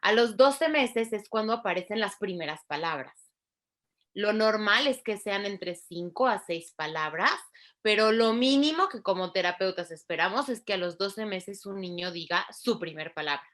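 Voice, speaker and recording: A woman speech therapist, explaining clearly and didactically in an interview, spelling out sounds slowly. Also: medium pitch, lively intonation, fairly bright tone.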